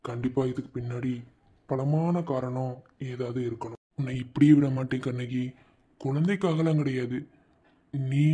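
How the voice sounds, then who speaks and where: A husky, mellow voice of a steady, loving young army husband in a cartoon, voiced by a man. He speaks Madurai Tamil at a middle pitch, gently coaxing and reassuring. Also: lightly acted. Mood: resolved. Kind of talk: cartoon voice acting.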